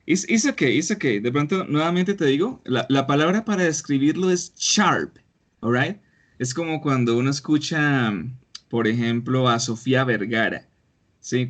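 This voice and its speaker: Male teacher coaching pronunciation on a call. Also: medium pitch. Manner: switches between Spanish and English, corrective and coaching. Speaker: English teacher. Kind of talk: online English class feedback. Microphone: video call.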